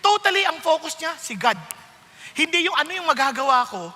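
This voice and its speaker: Filipino pastor preaching in a church hall, really high bright voice, long reverb, keeps checking if everyone follows. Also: male voice, a little fast. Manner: animated preaching mixing Tagalog and English, frequent "Nakuha niyo?" check-ins. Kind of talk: sermon.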